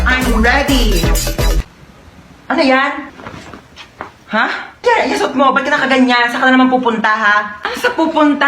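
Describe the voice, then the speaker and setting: A woman performs comic family skits, voicing every role herself and switching rapidly between characters amid bursts of shrieks and laughter. Her tone sits high and is bright and forceful, with music in the background.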